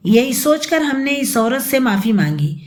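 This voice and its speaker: Brief: woman reading an angry young mother in an audio story, shrill, lively, spitting hatred. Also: a little slow. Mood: furious. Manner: shrill, hateful shouting. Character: bitter young mother, furious accuser of stepmother.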